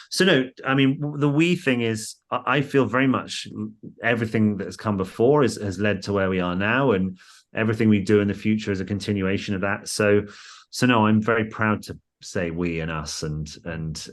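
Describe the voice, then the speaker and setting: A man with a posh English home counties accent, chatting in a rambling, self-deprecating, enthusiastic way as he tells stories in an interview. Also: on the low side. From England, home counties. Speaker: interview guest, football club staff. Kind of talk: casual conversational storytelling.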